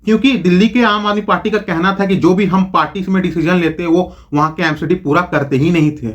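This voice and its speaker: Opinionated man explaining politics. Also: on the high side. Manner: opinionated, with rhetorical questions. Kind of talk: scripted political commentary.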